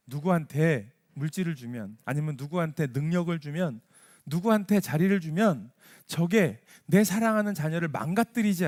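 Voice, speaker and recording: A man preaching a sermon in a church, his voice sitting high and swinging widely between peaks and dips. He keeps it conversational, firing off rhetorical questions and briefly acting out the prayers of the people he describes. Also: a little mellow. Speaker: pastor. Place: church sanctuary.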